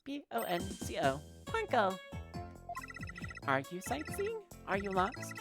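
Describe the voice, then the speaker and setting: A woman's voice: mid-range voice, huge pitch swings, slow pace, music in the background, full character voice. A woman voicing a polite, upbeat female guide robot in a game playthrough, with stiff, formal, announcer-like phrasing.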